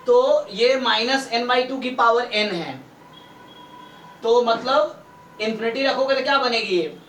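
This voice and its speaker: A statistics and maths teacher with an extremely high, fairly bright voice speaks a little slowly, explaining problems step by step in a Hindi-English mix during a doubt-clearing online class and checking that students follow. The mic is distant and roomy, with faint noise.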